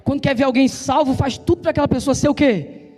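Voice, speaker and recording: Very high-voiced fast Brazilian preacher. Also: male voice, steady tone. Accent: Brazilian Portuguese. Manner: fast, loud and emphatic, with constant call-and-response questions. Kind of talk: sermon. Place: church. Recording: reverberant church hall with soft instrumental music.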